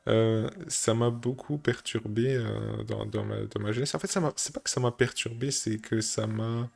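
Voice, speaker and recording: A man speaks in a casual, reflective monologue, pausing often with fillers and restarting his sentences as he thinks aloud. His voice sits low, with a husky edge and a gravelly fry. He sits indoors on a creaky chair. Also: steady tone. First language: French.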